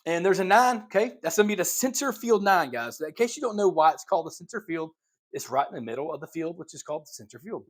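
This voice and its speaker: Excitable man calling craps rolls. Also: on the high side, fast. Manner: excitable, calls rolls like a dealer, chatty asides to viewers. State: out of breath. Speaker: craps channel host demonstrating strategy. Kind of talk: casual table-game demonstration.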